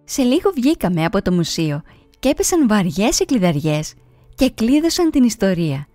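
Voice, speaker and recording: Woman, storybook narration, lively melodic reading, mellow dark tone, dry close sound, faint music behind. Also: medium pitch, no echo. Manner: expressive, storytelling delivery. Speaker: audiobook reader.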